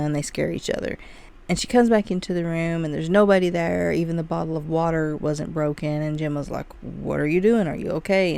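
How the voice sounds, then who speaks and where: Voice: medium pitch, creaky, a little mellow. A movie reviewer giving a casual, chatty spoiler recap of a film, full of "like" and "you know".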